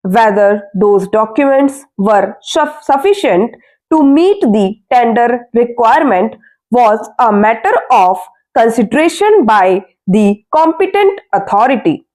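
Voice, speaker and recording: Woman reading very slow, high-pitched dictation. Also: a little mellow, poor audio. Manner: measured, word-by-word phrasing with deliberate breaks. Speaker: dictation reader for stenography practice. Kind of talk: slow school dictation, reading a legal text aloud.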